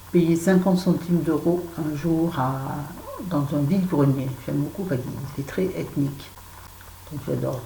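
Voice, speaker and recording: Low-voiced, blunt French-speaking woman vlogger. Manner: chatty, blunt and self-mocking, with lively asides. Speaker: beauty vlogger. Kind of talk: casual chat to camera. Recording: echoey room with faint background noise.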